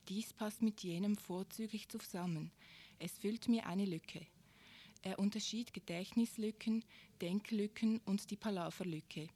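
Mellow-voiced woman reading literary prose. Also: medium pitch. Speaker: reader.

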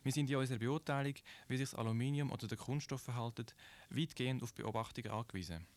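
A man with a mid-range voice and a Swiss German accent presents a prepared radio commentary. He explains things at a measured pace and poses rhetorical questions along the way.

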